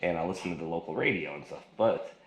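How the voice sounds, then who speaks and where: Speaking quickly in a low voice, a man reviews a gadget hands-on indoors, rambling and colloquial with folksy slang. He's a product reviewer, and the room is echoey and loud with noise.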